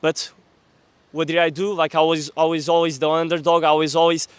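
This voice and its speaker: Man in his 20s with a high-ish, dry voice; fierce, earnest motivational vlogger who swears casually. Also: flat delivery, a little fast, clean tone, no room sound. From Portugal. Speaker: young entrepreneur, vlogger. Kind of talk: motivational monologue to camera.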